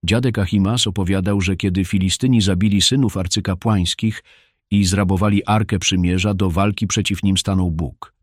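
Brief: male narrator, low voice, dry close sound, steady scripted story reading. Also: moderate pace, no echo.

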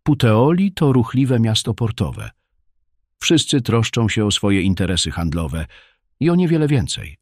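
With a very animated, exaggerated voice but a measured pace, a man portrays a talkative, friendly fruit seller at a market. The character is warm and chatty, at times slipping into a whisper, and the studio recording is free of echo.

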